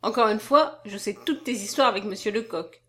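A woman's voice: mid-range voice, a little fast, natural voice. A woman reading an audiobook, voicing a self-assured young man who talks in a half-mocking, half-solemn way. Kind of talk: audiobook character voice.

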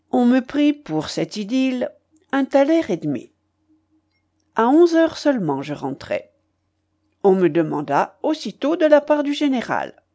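Slow, mellow woman reading a novel. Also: a little high. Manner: measured, expressive storytelling. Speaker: audiobook narrator. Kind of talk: literary audiobook narration.

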